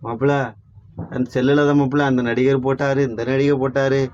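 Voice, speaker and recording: A man's voice: medium pitch, level tone, quick pace, darkish tone, muffled recording, a little hiss or hum. A young man with a Tamil Nadu village accent in a casual comedy skit, talking in a coaxing, persuasive way.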